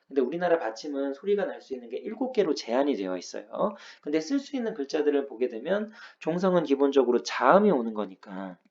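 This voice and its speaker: A man lecturing as a language teacher, walking through each rule patiently, one step at a time. His voice is dark and mellow, with a lively rise and fall of pitch. The sound is a little dull and lo-fi. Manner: patient step-by-step explaining, frequent "ja" prompts. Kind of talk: lecture explaining grammar rules.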